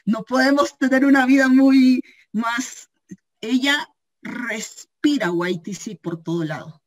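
Animated storytelling woman, higher voice. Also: slow pace. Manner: animated storytelling, acting out quoted voices, frequent "¿sí?" check-ins. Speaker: cooperative store member giving a training talk. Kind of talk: informal training talk with anecdotes.

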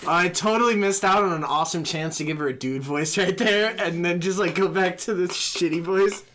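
A man's voice: high voice, brisk, noisy background. A man cracking crude jokes as a let's play co-host. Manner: crude wisecracks. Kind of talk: joking game commentary.

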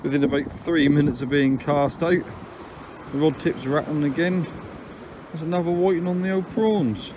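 A man's voice: on the high side, fairly even intonation, normal speed. A man giving a casual, down-to-earth running commentary as he fishes from an open beach, filming on a phone he holds himself, with dry little grumbles along the way. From England. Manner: chatty, down-to-earth, matter-of-fact with dry grumbles. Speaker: angler filming his own fishing trip. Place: open beach by the sea, outdoors. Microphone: phone camera held by the speaker. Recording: outdoor phone recording with wave noise. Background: surf and wind.

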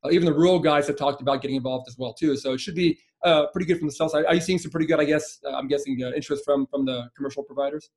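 A man in his forties hosts a conversational interview from a studio, rattling along at a quick clip. His voice sits slightly high, and he hedges and circles his points with plenty of fillers. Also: steady tone, darkish tone. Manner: rambling, hedging, many fillers. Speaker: interview host. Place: studio with printed logo backdrop.

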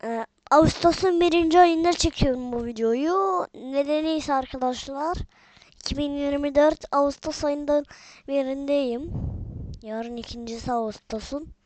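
A woman's voice: sits high, normal speed, a little mellow, no echo. A woman giving casual, chatty gameplay commentary from home, often addressing viewers as friends. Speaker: gaming video maker.

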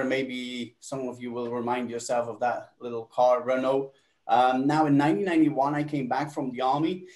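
Speaking from a home office during a webinar held over video call, a Belgian man tells his story with small hesitations. His mid-range voice has a darkish tone, and the room sounds echoey.

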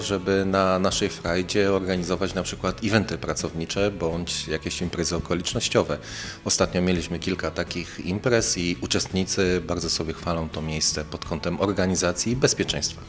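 A man's voice: deep voice, steady tone, normal speed, faint music behind. A man giving promotional interview remarks as a representative of a local facility.

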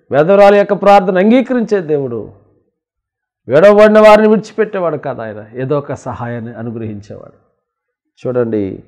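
A man who is a pastor, preaching a sermon with emphatic swings from loud, high scripture quotes to low asides, calling his listeners children of God. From India.

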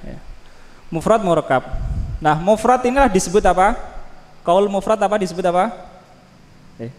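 A man's voice: high-pitched, moderate pace, a little mellow, long reverb tail, low-quality recording. A man teaching a grammar class, repeating key terms and quizzing his students. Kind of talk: classroom lesson.

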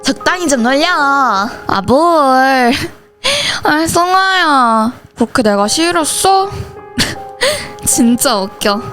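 A woman's voice: high voice, animated, slow, fairly bright tone, soft background music. A woman voicing every teenage schoolgirl character in a school horror story, switching between them in dialogue. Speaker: channel host and voice actor.

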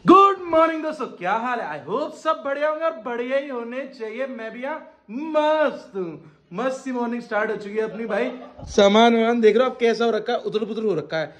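A man's voice: very high voice, expressive, brisk, fairly bright tone. A young man chatting to his viewers in a casual, joking travel vlog, talking them through his day on a trip. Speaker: vlogger.

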